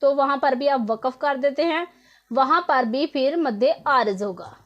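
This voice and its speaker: A woman's voice: sits high, moderate pace, lo-fi sound. A woman teaching Quran recitation rules in an online tutorial, explaining patiently step by step and repeating each rule.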